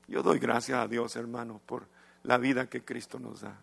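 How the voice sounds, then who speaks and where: A male pastor preaching an evangelistic sermon, swinging from hushed to shouted and slipping in English phrases. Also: mid-range voice, level tone, moderate pace, creaky, husky. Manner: mixes English phrases into his talk.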